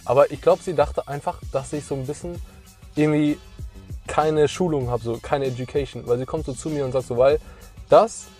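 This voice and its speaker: A young man telling a story in casual chat, slangy and animated, acting out the people in it. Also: a little high, normal speed, soft background music.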